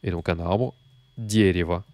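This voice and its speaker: Low-voiced man teaching. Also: moderate pace, darkish tone, dry recording. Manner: hesitant, many fillers and restarts; addresses the learner informally, patient explaining. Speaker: Russian language teacher. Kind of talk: spoken language lesson.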